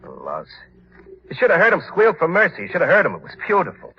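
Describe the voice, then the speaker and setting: A cackling, unhinged vengeful crook. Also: male voice, mid-range voice, sing-song, unhurried, husky, heavily acted. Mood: gleeful. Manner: menacing, gloating, cackling laughter. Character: vengeful, unhinged male ex-convict thought dead. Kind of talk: 1940s radio acting. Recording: dull lo-fi 1940s radio broadcast.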